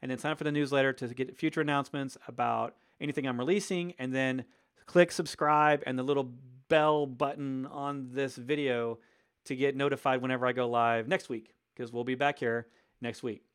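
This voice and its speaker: A man's voice: mid-range voice, steady tone, normal speed, clear, resonant tone. A man hosting a live question-and-answer stream, explaining enthusiastically with frequent fillers, his voice wearing out. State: losing his voice.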